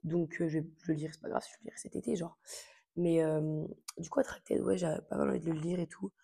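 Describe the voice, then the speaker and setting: A young woman chats informally to camera, trailing off with fillers and slang. Her voice sits a little low, with a gravelly, husky, mellow grain. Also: steady tone, quick pace. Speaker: book vlogger. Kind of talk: casual chat to camera.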